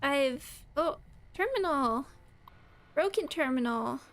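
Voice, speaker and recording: A woman's voice: sits high, expressive, takes it slowly, fairly bright tone. A woman giving casual let's play commentary, musing aloud in short fragments as she plays a video game. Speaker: gamer commenting on her own playthrough.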